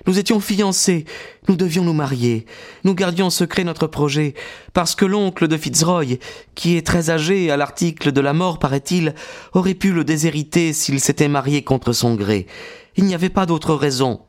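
A man voicing a dignified young woman, high and firm. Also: moderate pace, lightly acted. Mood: candid. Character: proud, composed young woman, grieving fiancée.

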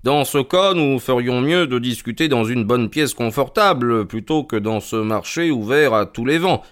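A man voicing a sharp male detective who speaks in a honeyed, self-assured way. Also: mid-range voice, expressive, moderate pace, voice pushed up, close to an everyday voice. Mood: suave.

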